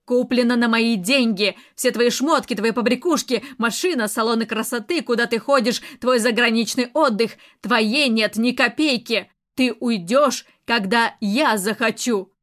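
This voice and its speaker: A brutal, domineering police colonel in an audiobook, voiced by a woman narrator. He speaks slowly and loudly, with cold, mocking menace, in a fairly high, light voice. Every line is a threat. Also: natural voice. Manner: loud, slow, threatening and mocking. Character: domineering menacing man, militia colonel, murderer.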